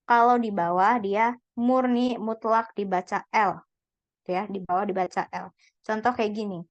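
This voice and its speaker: A woman's voice: medium pitch, fairly even intonation, measured pace, no room sound, muffled recording. A woman teaching a Korean lesson, patiently repeating and drilling each syllable. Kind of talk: online language lesson.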